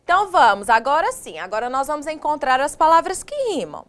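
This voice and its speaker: A woman's voice: high-pitched, sing-song, a little fast, fairly bright tone. A Brazilian woman teaching young children, drawing out syllables, asking questions and praising the pupils. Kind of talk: online lesson for children.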